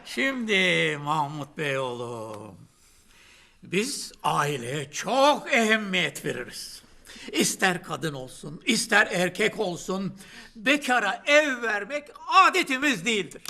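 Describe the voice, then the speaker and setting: Very high-voiced fussy old landlord. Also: male voice, very animated, takes it slowly, vocal fry, pushed and bright, exaggerated voice. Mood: courteous. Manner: formal, repetitive, avuncular politeness. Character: fussy, hospitable old landlord, courteous and old-fashioned. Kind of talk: sitcom acting.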